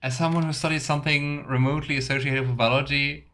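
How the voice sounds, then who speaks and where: Speaking fast in a steady, somewhat bright voice that sits on the high side, a male streamer and let's player gives casual commentary, reads in-game text aloud and talks to chat. Faint sounds from the game are audible behind him.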